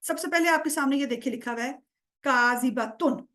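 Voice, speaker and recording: A woman's voice: high-pitched, a bit bright. A woman teaching Quranic grammar in an online lesson, patiently checking understanding and stretching out example words. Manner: drawls example words slowly to show pronunciation.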